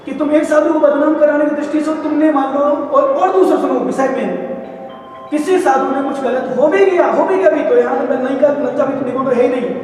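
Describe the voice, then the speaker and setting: A man's voice: very high-pitched, steady tone, a little fast, darkish tone, slight background noise. A man, a monk, giving an admonishing sermon that exhorts his listeners. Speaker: Jain monk preacher. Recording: echoey hall from far off.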